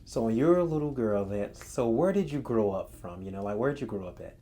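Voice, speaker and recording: A man's voice: lowish voice, expressive, a little fast, mellow. A man hosting an interview, asking rambling questions full of restarts and fillers. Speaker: interviewer, host. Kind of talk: casual interview.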